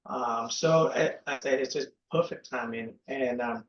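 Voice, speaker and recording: A man's voice: medium pitch, a little slow, fairly bright tone. A man from Vietnam, a startup co-founder speaking earnestly in a casual panel. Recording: echoey, dull lo-fi room sound.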